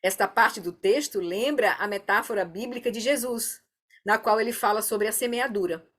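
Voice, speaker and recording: A woman teaching an online meditation class, explaining calmly and often checking in with her students. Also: mid-range voice, moderate pace. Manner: calm, explanatory, often asks "né?". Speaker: Dharma teacher.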